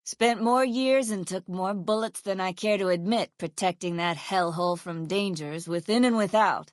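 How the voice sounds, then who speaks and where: In these video game voice lines, a woman plays a sardonic, foul-mouthed ex-sheriff turned caravan guard who talks bluntly and folksily with a weary, matter-of-fact air. Lightly acted, her mid-range voice runs at normal speed, recorded dry with a clean studio sound.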